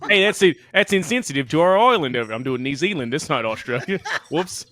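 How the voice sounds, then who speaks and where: A man's voice: on the high side, animated, brisk, sharp tone. A man co-hosting a casual movie podcast, joking around and putting on mocking voices for bits. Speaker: podcast co-host. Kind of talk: casual movie-night banter.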